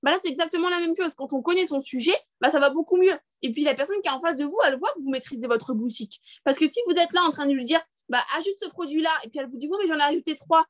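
A woman's voice: high-pitched, very fast, few pauses, no room sound. A young woman leading a live online training over a video call, chatty and upbeat, with many fillers and restarts. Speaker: network marketing trainer.

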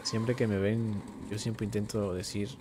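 A young Venezuelan gaming streamer speaks in an unhurried, rather low voice with little pitch movement. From his home desk mic he chats with viewers, greets them warmly, and reads out their questions, while faint game music plays over a noisy background.

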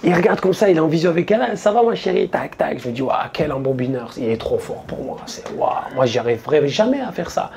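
A man doing stand-up, telling a story in a casual, slangy way to a live audience, quoting his friends in quick asides. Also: fairly high pitch, animated, creaky, a little mellow. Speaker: stand-up comedian. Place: stage before a live audience.

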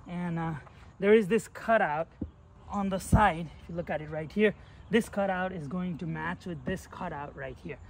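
Outdoors beside a car, a man in his thirties moves around the trunk while casually reviewing a product and demonstrating it by hand. He speaks at normal speed in a high-pitched voice, with a little hiss or hum in the recording.

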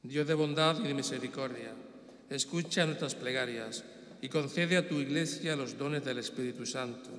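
An older man, a priest, reciting the prayers of the Mass at the altar in a solemn, steady way. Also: medium pitch, normal speed. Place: large church, at the altar. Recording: echoey church with long reverb.

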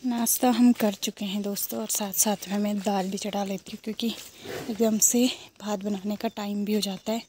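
A woman's voice: medium pitch, fairly even intonation, moderate pace, mellow, slight background noise. A young woman from Uttarakhand narrating a casual home vlog, chatty and talking to viewers, sometimes whispering. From Uttarakhand, India. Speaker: vlogger.

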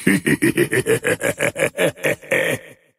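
An actor voicing a gleefully murderous demonic party clown for a video game, with a gravelly, raspy, cackling voice and a Latin American Spanish accent. He taunts in a singsong, breaks into manic shouts, and drops into sudden low growls. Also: huge pitch swings, extremely slow, full character voice. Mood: gleeful menace.

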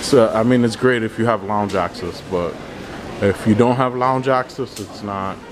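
A man's voice: lowish voice, moderate pace. A man casually vlogging as he walks through an airport food court, rambling easily and repeating words as he goes, recorded on his handheld camera. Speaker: travel vlogger. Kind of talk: casual walking vlog. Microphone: handheld camera mic while walking. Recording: loud airport ambience under voice. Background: airport hall noise.

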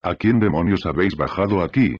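A man voicing a gruff, scornful older pirate priest in an audiobook reading. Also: low-pitched, lively intonation, fairly quick, no echo, lo-fi sound. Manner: scornful, blustering.

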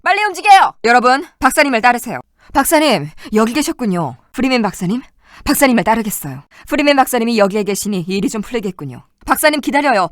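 A weary but loyal resistance woman from a shooter game, voiced by a woman, snapping off short clipped barks. Her voice sits a little high and swings widely from line to line, and the sound is close and dry with no room around it. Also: very animated, quick pace, no echo. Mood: eager. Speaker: voice actor.

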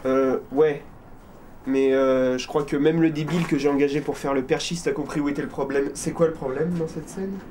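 A man's voice: on the high side, steady tone, moderate pace, mellow, a little hiss or hum, close to an everyday voice. A young man playing an impatient, crude film director in a student short film, barking orders and swearing. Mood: irritated. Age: young adult.

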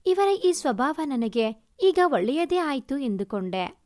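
A woman reading a romance story aloud as an expressive, emotional first-person narration. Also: sits high, a little slow.

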